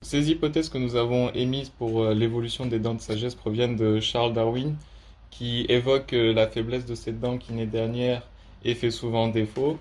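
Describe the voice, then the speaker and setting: A young male student reads out a prepared explanation. His voice stays flat, with little rise or fall, and he halts often on drawn-out hesitations. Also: medium pitch. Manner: halting, with very frequent drawn-out hesitations. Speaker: student presenter.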